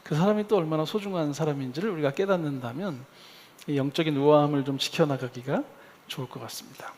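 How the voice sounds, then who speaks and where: Male pastor, sermon delivery with acted-out anecdotes, higher-pitched voice, echoing sanctuary sound. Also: fast. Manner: storytelling with lively acted-out asides. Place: church sanctuary. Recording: long hall reverb.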